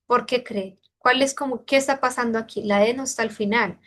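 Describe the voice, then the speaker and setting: Woman teaching sounds with slow demonstrations. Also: fairly high pitch, fairly even intonation, fairly bright tone. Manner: demonstrates sounds slowly and repeatedly; explanatory, checks understanding with questions. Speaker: Mandarin teacher. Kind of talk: online pronunciation lesson.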